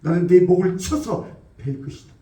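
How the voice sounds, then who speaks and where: A bold young shepherd hero, slow and defiant, with a high, rising voice, as a man acts him out. it rings through an echoey church hall, picked up from some distance. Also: lively intonation, mellow.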